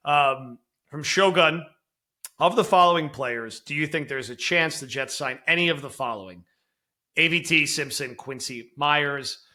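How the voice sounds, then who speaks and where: Male podcast co-host, bright tense tone, animated fan chatter. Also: fairly high pitch, a little slow. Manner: animated, exasperated fan talk. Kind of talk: casual sports podcast chat.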